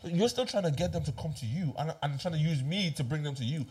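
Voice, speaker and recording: A man's voice: on the high side, animated, fast, darkish tone, breathy edge, low-quality recording. A young man in casual discussion, speaking emphatically, repeating himself and often checking that he is followed.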